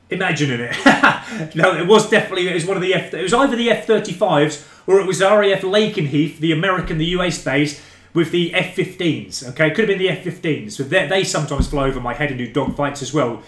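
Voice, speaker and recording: A man's voice: high voice, fairly quick, fairly bright tone. A man hosting a gaming live stream, chatting loosely and reading out viewer comments, calling them mate and guys. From England. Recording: roomy echo.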